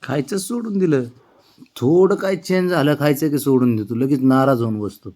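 A man's voice: medium pitch, moderate pace, dark tone. Man coaxing his cat in baby talk. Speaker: cat owner filming his pet. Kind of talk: casual talk to a pet.

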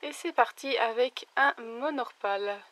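A young woman with a slightly raised pitch and an unhurried pace talks through a card opening. Her voice carries a faint hoarseness left over from an illness. She is chatty and quick to exclaim over the cards she likes. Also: fairly bright tone. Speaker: YouTuber opening trading cards. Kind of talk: casual card-opening commentary.

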